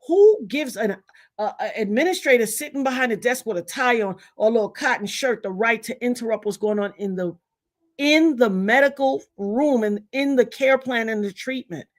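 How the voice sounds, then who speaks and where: High-voiced indignant Trinidadian woman. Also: lively intonation, moderate pace. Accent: Trinidadian Caribbean. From Trinidad, raised in Brooklyn. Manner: indignant, emphatic, preachy. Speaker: livestream host. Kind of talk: livestream commentary rant.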